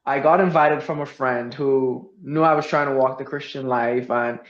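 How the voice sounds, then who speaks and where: A man's voice: medium pitch, fairly even intonation, moderate pace. A young man from the Bahamas, a veterinary student, talking earnestly as a guest in a casual interview. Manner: earnest, uses many fillers like "like". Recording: roomy, dull lo-fi sound.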